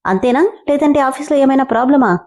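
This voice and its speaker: A woman's voice: sits high, fast talker, darkish tone, lightly acted. A woman narrator voicing a caring young man who asks concerned questions.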